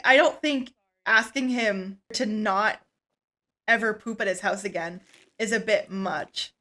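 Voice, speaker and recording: A woman co-hosting a casual podcast, reading listener stories aloud and giving relaxed, opinionated takes that often trail off quietly. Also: mid-range voice, unhurried. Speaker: podcast co-host.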